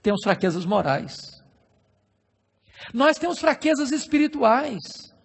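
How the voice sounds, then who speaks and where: A middle-aged Brazilian man preaching a sermon, with emphatic, slowly stressed phrases and repeated rhetorical questions. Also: very high-pitched, very animated, vocal fry, husky. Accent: Brazilian Portuguese. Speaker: pastor. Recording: long hall reverb.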